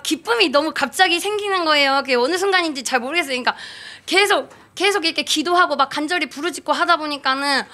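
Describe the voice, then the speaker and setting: A woman's voice: high voice, pushed and bright. A woman in her thirties giving a rambling church testimony, with many fillers and restarts. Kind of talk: spontaneous testimony talk. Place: church gathering.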